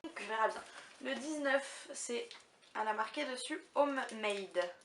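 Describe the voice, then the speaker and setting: High-voiced woman, chatty and gushing. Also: expressive, unhurried, a bit bright. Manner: gushing, chatty, thinking aloud. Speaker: vlogger. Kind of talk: casual unboxing chat to camera. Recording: roomy, distant mic with faint noise.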